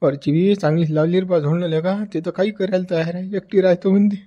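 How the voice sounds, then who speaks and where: Village comedy actor, man, high voice, wails and pleads. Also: fairly even intonation, fast talker, mellow, muffled recording. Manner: pleading and wailing while being beaten. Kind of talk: rural village comedy sketch.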